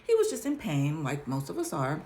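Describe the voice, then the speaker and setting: A woman's voice: low voice, huge pitch swings, brisk, dark tone, a little hiss or hum. A woman sharing her personal testimony in a casual, chatty, emphatic way, often checking in with her listeners.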